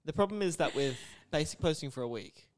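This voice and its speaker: A man's voice: on the high side, expressive, fairly quick, background noise. A man co-hosting a podcast in casual chat, rambling and teasing, searching for words. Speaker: podcast co-host.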